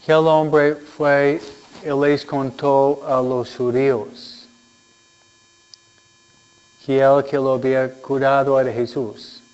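Man, priest, solemn church delivery, slow deliberate phrasing, frequent pauses, dull lo-fi recording. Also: mid-range voice, darkish tone, smooth. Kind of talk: solemn Gospel reading and homily.

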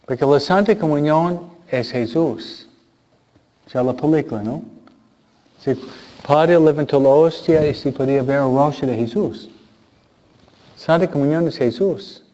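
Priest, man; slow, questioning catechism talk to kids, acts out small dialogues; muffled recording. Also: on the high side, mellow. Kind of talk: catechism talk to children and parents. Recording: dull lo-fi recording.

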